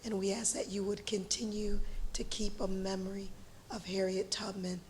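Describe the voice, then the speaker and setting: Hoarse woman pastor accepting an honor. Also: medium pitch, flat delivery, moderate pace, darkish tone, a little hiss or hum, poor audio. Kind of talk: brief acceptance speech.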